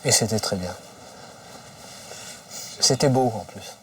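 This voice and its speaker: A man with a husky voice reflecting informally in a documentary interview, halting and repeating words as he searches for phrases. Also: lowish voice, fairly bright tone, slight background noise. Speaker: expedition member interviewed for a documentary. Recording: slightly distant microphone.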